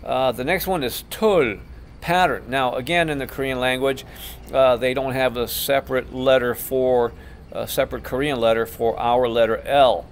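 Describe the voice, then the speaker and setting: Patient middle-aged martial arts instructor. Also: male voice, mid-range voice, fairly even intonation, a little hiss or hum. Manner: patient, repeats each term slowly. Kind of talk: instructional video teaching terms.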